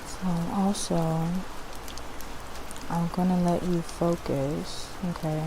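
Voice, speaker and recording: There's background noise as a woman with a low voice hosts ASMR personal-attention roleplay. She plays a spiritual cleansing guide, speaking in a calm, instructive way and regularly checking in with the listener.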